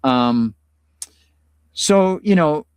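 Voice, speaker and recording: A man's voice: on the high side, lively intonation, extremely slow, clean tone, dry recording, studio quality. A middle-aged man from the United States hosting a live stream, chatting in a rambling, casual way with many fillers and sounding tired from illness. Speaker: host.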